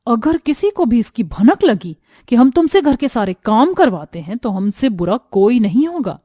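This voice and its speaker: A woman's voice: a little high, big pitch swings, normal speed, warm tone, dry recording, studio quality. A woman voicing a cruel, scheming sister-in-law in a cartoon story, with harsh threatening talk. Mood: menacing.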